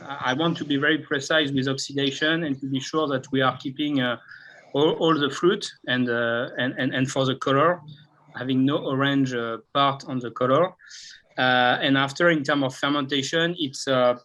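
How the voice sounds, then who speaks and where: A French man speaking English with a French accent, presenting his winery's rosé in halting, searching phrases. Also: medium pitch, steady tone, a bit bright, dull audio. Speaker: winemaker. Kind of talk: online tasting talk.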